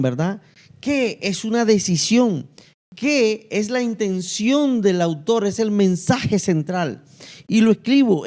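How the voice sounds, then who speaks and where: A man's voice: high voice, darkish tone. A man with a Latin American Spanish accent, preaching as a pastor in a teaching sermon, stressing single words and repeating phrases.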